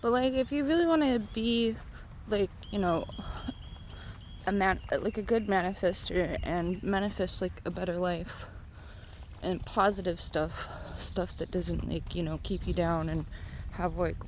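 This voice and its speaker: A stoned woman rambling casually and haltingly, with lots of filler "like"s, as she vlogs on a walk. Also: fairly low pitch, slight background noise, poor audio. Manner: rambling, halting, heavy use of "like". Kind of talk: casual rambling vlog talk. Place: outdoors, on a walk.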